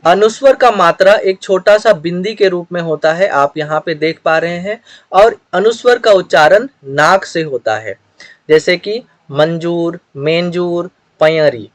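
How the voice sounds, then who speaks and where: High-voiced man teaching a grammar lesson. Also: a little slow, dry recording. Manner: steady explanatory delivery with examples, occasional throat clearing. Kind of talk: grammar lesson explaining a written page.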